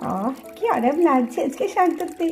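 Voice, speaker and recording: A gentle young bride-to-be in a doll-puppet cartoon, played by a woman, soft and calm. Her voice is high but softer than the others, with faint music behind. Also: fairly quick. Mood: cheerful.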